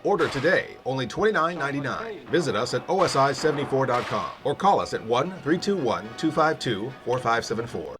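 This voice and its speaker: A man's voice: mid-range voice, big pitch swings, fairly quick, few pauses. A man reading scripted sales narration as an advertising announcer. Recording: faint music behind.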